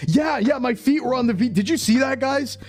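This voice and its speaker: A man's voice: extremely high pitch, fairly quick, soft background music. A male VTuber chatting casually with his stream viewers, playful and jokey, heard through livestream headset mic audio. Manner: playful, jokey, laughing often.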